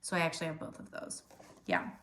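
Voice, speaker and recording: A woman's voice: fast talker, a bit bright, slight background noise. Chatty woman podcaster in a roomy space. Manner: chatty, rambling with many fillers and restarts. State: hiccuping. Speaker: podcast host. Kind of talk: casual chat. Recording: roomy echo.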